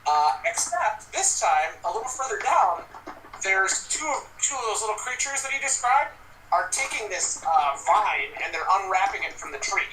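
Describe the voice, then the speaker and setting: A man narrating as game master, animated and laughing, now and then yelping little creature cries. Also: high voice, moderate pace, echoey room, distant mic, slight background noise, low-quality recording.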